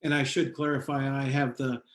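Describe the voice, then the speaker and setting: A man's voice: mid-range voice, level tone, a little fast. Man hosting, in a roomy space. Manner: asks guests questions in turn. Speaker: host. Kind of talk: panel discussion. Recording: roomy echo.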